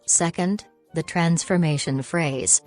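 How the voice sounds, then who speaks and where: Low-voiced woman narrating casually. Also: slow, a little mellow, soft background music. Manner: offhand and self-deprecating. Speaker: fan video creator.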